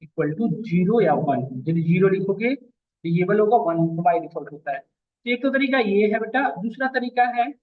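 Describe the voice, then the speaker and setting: Male teacher, high voice, mic far off, phone-quality audio, talks to a class. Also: animated, a little slow. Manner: addresses students as beta, asks checking questions. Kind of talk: classroom lecture. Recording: distant mic, phone-like lo-fi sound.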